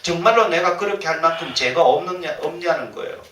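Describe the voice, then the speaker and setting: A man's voice: on the high side, fairly quick, a little hiss or hum. A male pastor preaching a sermon, acting out the complaints of the people he quotes. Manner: animated, acts out quoted complaints. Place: church sanctuary. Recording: roomy church sound from a distant mic, faint ambience.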